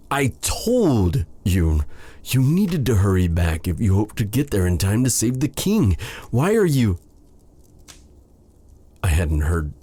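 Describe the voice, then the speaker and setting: This man plays a dark sorcerer, brooding but tender, in a romantic fantasy audio roleplay. He speaks low and husky, haltingly and intimately, using formal archaic wording in a heavily acted performance. The mood is tender and shocked.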